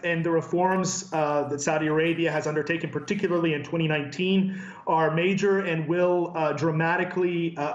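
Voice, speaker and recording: A man in his thirties, a human rights researcher, speaking in a measured way in a live remote news interview, with many fillers and restarts. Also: a little high. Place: office with a branded backdrop. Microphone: earpiece and camera video link. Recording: roomy, dull remote feed.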